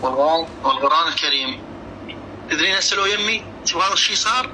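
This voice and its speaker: Casting: Iraqi male, fairly high voice, extremely quick delivery, casual reassuring phone chat. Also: expressive. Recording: noisy line, clear background noise.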